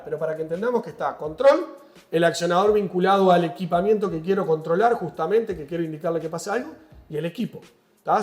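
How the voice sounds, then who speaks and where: Guy teaching a training session, kinda high voice, lots of "tá?" checks, patient. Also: darkish tone. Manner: patient, many fillers and checks with listeners. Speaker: product trainer. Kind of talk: explaining equipment at a training session.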